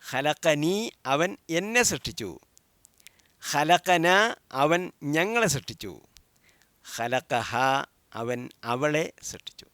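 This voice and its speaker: A man's voice: on the high side, lively intonation, slow pace, pauses often, fairly bright tone, no echo. A man teaching a recorded language lesson, who drills each word form and gives its meaning, then asks listeners to repeat after him. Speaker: Quran Arabic teacher.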